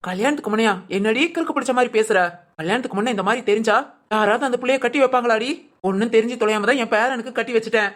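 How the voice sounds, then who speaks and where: A woman acting a sharp-tongued old village grandmother who scolds and threatens in a gruff way. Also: fairly high pitch, rapid-fire, lightly acted. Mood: furious. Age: older.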